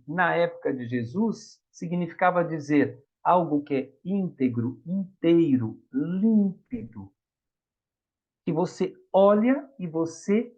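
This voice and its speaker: A middle-aged Brazilian man lectures with a lively, sweeping pitch and acts out the voices in his stories. The recording sounds dull and lo-fi. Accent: Brazilian Portuguese. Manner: animated storytelling, acts out quoted voices. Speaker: spiritist lecturer. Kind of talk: public lecture on the gospel.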